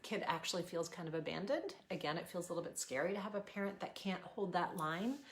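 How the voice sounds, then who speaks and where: A middle-aged woman with a fairly low voice gives parenting advice to the listener. She keeps to a plain teaching tone, breaking now and then into acted-out lines a parent might say to a child. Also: fast talker, a little hiss or hum. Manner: acts out parent quotes in lively voices. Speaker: parenting coach.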